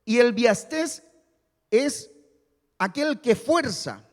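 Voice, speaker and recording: A male pastor preaching a sermon, teaching slowly and having the congregation repeat key words. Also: very high-pitched, expressive. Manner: explains word meanings slowly, stresses key words. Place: church hall. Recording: long reverb of a church hall.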